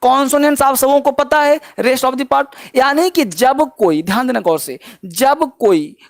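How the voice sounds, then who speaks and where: A man's voice: very high-pitched, unhurried, no room sound, studio quality. A man teaching English pronunciation in a lesson, repeating points and asking his students questions to keep them attentive. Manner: repetitive, coaxing, asks students questions. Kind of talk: classroom lesson.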